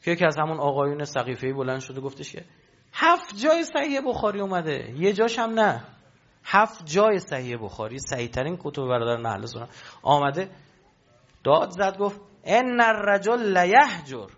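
A man's voice: fairly high pitch, big pitch swings, fairly bright tone, dull audio. A man preaching a religious sermon, emphatic and full of rhetorical questions to his listeners.

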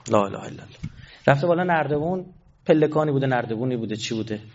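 A male preacher telling religious stories in a sermon, emphatic, swinging between hushed and raised delivery. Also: mid-range voice, expressive, highs cut off.

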